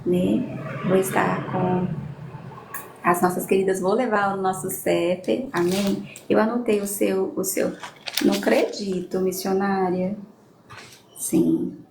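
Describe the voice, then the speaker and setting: Speaking in a level, creaky mid-range voice, a woman guides a live-streamed prayer session as a church leader. She lovingly reads out names and requests at a slow pace, frequently saying "amém" and "né," while the room echoes with ambient noise.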